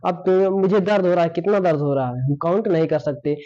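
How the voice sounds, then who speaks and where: High-voiced teacher, dull recording. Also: male voice, fairly even intonation, brisk, dark tone. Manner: repetitive, asks rhetorical questions and answers them himself. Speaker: English grammar teacher. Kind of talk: classroom lesson explaining. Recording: dull lo-fi sound.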